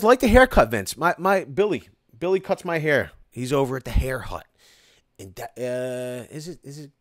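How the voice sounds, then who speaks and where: Here a live stream host goes through the chat, his fairly high voice casual and rambling, full of excited restarts and "like." He's close-miked at home, and the sound is studio quality with no echo.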